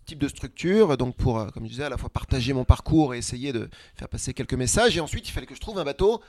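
A man telling his travel story in a casual, lively interview, running through lists of places. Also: mid-range voice, fast talker, no echo, studio quality. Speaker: guest, traveler and speaker. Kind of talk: conversational storytelling.

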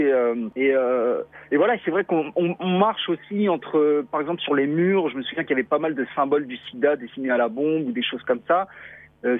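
A man's voice: on the high side, no room sound. Man on a thin phone-like line. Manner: halting, thoughtful, many restarts. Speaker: guest traveler. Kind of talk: radio interview. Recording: thin phone-like dry sound.

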